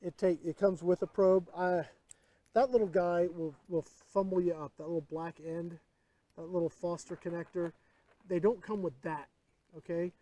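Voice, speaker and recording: Upbeat high-voiced man at an outdoor range. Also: steady tone, moderate pace, dark tone, rough recording. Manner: chatty, upbeat salesman giving instructions. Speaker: airgun shop host demonstrating a rifle. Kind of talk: casual product demo at a range. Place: open-sided tent at an outdoor desert range.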